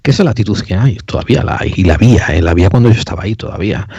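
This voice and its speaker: A man's voice: low voice, lively intonation, rapid-fire, vocal fry, a little mellow, husky, no echo. A man hosting a casual chat, telling stories and swearing freely, his voice a bit metallic. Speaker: host. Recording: slightly metallic, dull sound.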